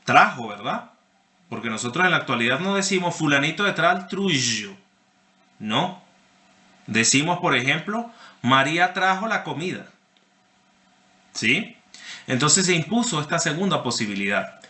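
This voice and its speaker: Bright-voiced man lecturing in a roomy echo. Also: on the high side, very animated, unhurried, pauses often. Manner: explanatory, checks understanding with frequent "¿sí?"; addresses students by name. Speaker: university lecturer. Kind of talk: online class lecture.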